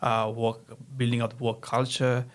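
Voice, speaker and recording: A man's voice: medium pitch, monotone, a little slow. A man with a Sri Lankan accent, an accountant talking on a podcast, hesitant with many fillers. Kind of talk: casual podcast chat.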